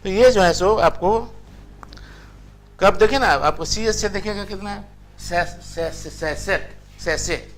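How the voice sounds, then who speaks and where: A man's voice: sits high, takes it slowly. An older man teaching a language class, lecturing in a chatty way and telling anecdotes. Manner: chatty, anecdotal, tells stories with acted quotes.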